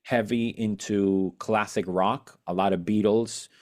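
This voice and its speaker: A man's voice: lowish voice, steady tone, unhurried, darkish tone. A man from Venezuela, a musician guest on a podcast, chatting eagerly and rambling with many fillers and restarts. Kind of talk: casual interview chat.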